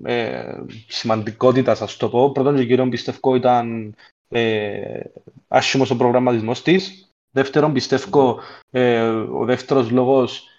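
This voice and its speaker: A man with a Cypriot Greek accent talks football casually, at an average male pitch. He explains his points as a panellist, pausing to find words. The audio is dull and lo-fi. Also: steady tone, a little mellow. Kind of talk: casual sports discussion.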